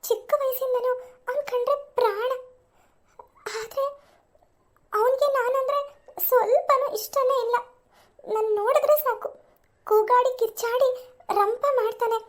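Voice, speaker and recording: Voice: very high voice, steady tone, measured pace, pauses often. A performer voicing a lovesick, tearful young woman in a home-made cartoon. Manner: earnest, tearful pleading. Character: lovesick young woman pining for her cousin.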